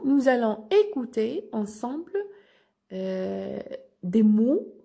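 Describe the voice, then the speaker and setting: A woman teacher with a North African French accent, giving a slow phonics lesson for children and carefully spelling out each syllable. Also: a little high, gravelly, a little mellow, husky.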